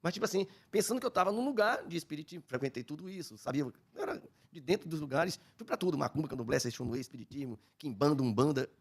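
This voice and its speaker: An older man with a Brazilian accent, a podcast guest giving a personal testimony in animated storytelling, acting out the people he quotes. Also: on the high side, fast talker, husky.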